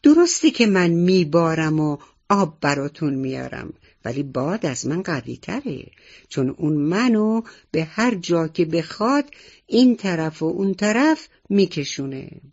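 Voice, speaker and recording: A woman's voice: low-pitched, very animated, darkish tone, lo-fi sound, exaggerated voice. Good-natured rain cloud, told by a woman. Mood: kindly.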